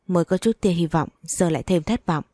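A woman narrates a first-person story with a calm, even delivery. Her voice sits low and mellow. The sound is dry and close, with no room around it. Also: fairly quick, no room sound. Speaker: audiobook narrator.

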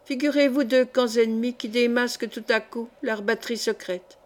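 Expressive woman reading a classic novel aloud, voice a bit high. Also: normal speed. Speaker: audiobook reader. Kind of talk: expressive literary audiobook narration.

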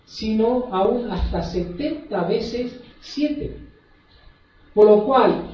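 Hoarse preacher in an echoey hall. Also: male voice, very high voice, mellow, a little hiss or hum. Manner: emphatic, asks the congregation questions. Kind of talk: sermon. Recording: echoey hall from far off, dull and lo-fi.

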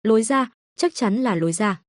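A woman's voice: fairly high pitch, animated, normal speed, dry recording, clean studio sound, lightly acted. A woman voicing a cowardly middle-aged male swindler who panics, pleads and sobs. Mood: pleading.

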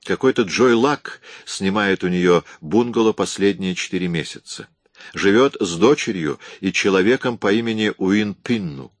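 A man's voice: low voice, moderate pace, no room sound. A man reading a deferential detective reporting. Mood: dutiful. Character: nervous, deferential male private detective. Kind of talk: audiobook reading.

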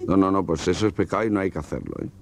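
Man playing a calm, moralizing priest. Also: low voice, rapid-fire, gravelly, full character voice. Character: patient, preachy village priest.

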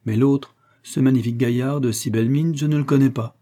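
A man's voice: medium pitch, steady tone, fairly quick, dark tone, close to an everyday voice. A man voicing a polite, eager rancher in a read-aloud adventure story, speaking effusively. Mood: earnest.

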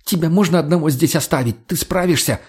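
A bossy, swearing young woman, raised high and loud in a husky voice, as a male reader puts her on. She snaps commands with urgent force in a storybook reading. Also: fast. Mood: harsh, commanding. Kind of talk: audiobook character voicing.

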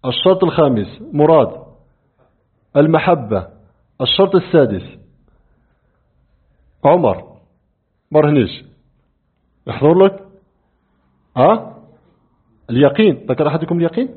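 A man leads a classroom lesson on creed with a husky, breathy voice that swings animatedly in pitch. He keeps firing questions at his students and repeats key points. The sound is thin and phone-like. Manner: quizzes students often, calls them by name. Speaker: religious teacher.

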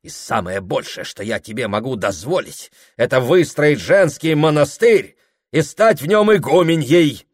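A man reading aloud puts on a domineering, ambition-mad man who bellows his demands in a strained, high, loud voice. He drags out the key words slowly and sounds dry and close. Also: expressive, husky, no room sound. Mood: furious commanding. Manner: shouting, bombastic, hammering each phrase. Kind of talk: audiobook character voice.

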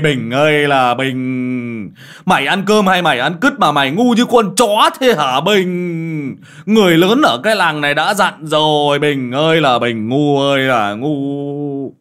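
A man playing a gruff, scolding old villager. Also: on the low side, fairly bright tone. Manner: blunt, bossy, scolding.

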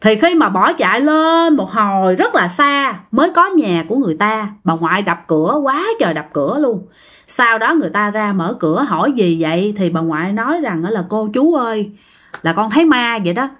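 A woman tells ghost stories in a chatty, expressive way. She talks straight to her listeners. Her pitch swings widely from line to line. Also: brisk. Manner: expressive, addresses listeners directly. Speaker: storyteller. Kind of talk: ghost story narration.

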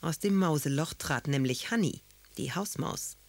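Breathy woman reading a children's story. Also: deep voice, animated, moderate pace, a little mellow, no room sound.

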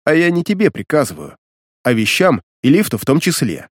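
A man voicing a young male prince who speaks slowly in a low, commanding tone. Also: wildly swooping pitch, dry recording, clean studio sound.

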